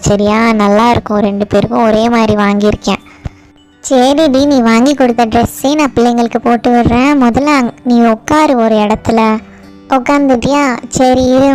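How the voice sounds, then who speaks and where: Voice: sits high, darkish tone, close to an everyday voice. A performer voicing a bossy, fussy old grandmother who scolds and coaxes while bathing babies, in a doll play-acting drama. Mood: fussy scolding.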